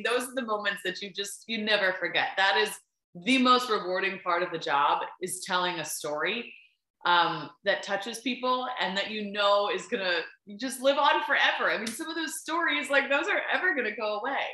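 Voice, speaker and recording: Bright-voiced woman on an echoey video call. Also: medium pitch. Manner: enthusiastic, storytelling, frequent "um" and "like". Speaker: baseball sideline reporter and guest. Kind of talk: casual interview chat. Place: home room, on a video call.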